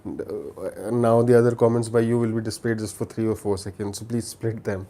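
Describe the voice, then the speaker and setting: A man's voice: fairly low pitch, steady tone, moderate pace, warm tone, slight background noise. A man from India with a Telugu Indian accent, chatting casually as a livestream host, often repeating words and restarting sentences. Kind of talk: casual chat, recommending films.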